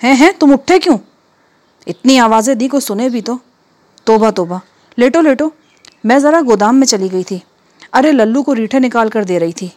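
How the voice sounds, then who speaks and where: Lady doing a flustered housewife, all exclaiming and scolding, pitched up. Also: lively intonation, long pauses, darkish tone, natural voice. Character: busy flustered housewife, Begum.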